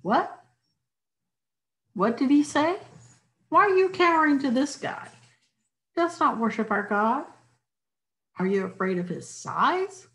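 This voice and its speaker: A woman's voice: medium pitch, slow, low-quality recording. A woman voicing a bold, fearless young shepherd boy in a storybook reading, speaking in earnest, insistent exclamations. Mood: indignant.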